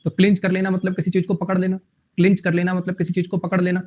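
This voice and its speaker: A man's voice: high-pitched, completely flat delivery, fast talker. A young man teaching a vocabulary lesson, repeating phrases and making up jokey memory tricks. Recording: dull lo-fi audio.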